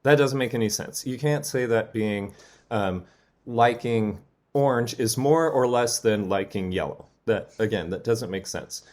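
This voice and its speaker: A man's voice: mid-range voice, unhurried, a little mellow. A man teaching a statistics class in a recorded lecture. He explains step by step, with frequent ums and rhetorical "right?" checks. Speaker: statistics instructor.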